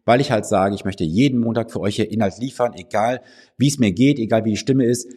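In a fairly low, dark, slightly rough voice affected by a slight cold, a financial advisor speaks to camera from his office. His finance podcast monologue offers direct, persuasive advice to the listener.

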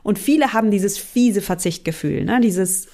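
A woman coaching on mindful eating, speaking gently and directly to the listener and sometimes acting out inner voices with sighs. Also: medium pitch, moderate pace. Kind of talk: coaching podcast monologue.

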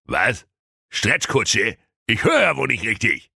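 A man's voice: on the low side, brisk, bright, forceful tone, no echo, clean studio sound. A man voicing a hot-tempered old king who blusters and scolds in a comic storybook. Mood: grumpy. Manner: blustering, irritable.

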